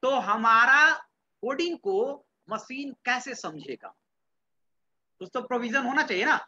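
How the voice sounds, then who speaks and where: This male teacher from Bihar, India, leads a computer science class with a very high, expressive, bright and forward voice, speaking a little slowly. He peppers the room with questions, echoes what students say, and blends English terms into Hindi. Sound quality is dull and lo-fi.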